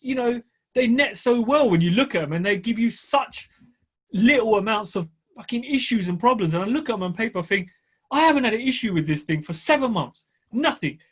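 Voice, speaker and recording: Man, fairly high voice, podcast co-host, blunt, swears casually, animated emphasis. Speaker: podcast co-host, property investor.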